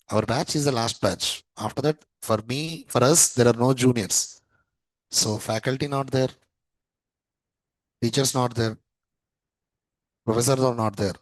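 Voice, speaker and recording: A man's voice: mid-range voice, no room sound, low-quality recording. A man in his thirties with an Indian English accent, lecturing a class in a chatty way and often repeating his phrases. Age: 30s. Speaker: teacher.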